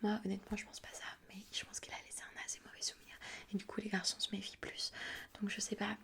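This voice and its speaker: Whispering young woman, flat and gravelly. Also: mid-range voice, quick pace. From France. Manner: chatty, rambling with many fillers. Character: friendly student flatmate giving a tour. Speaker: ASMR artist. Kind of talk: whispered role-play.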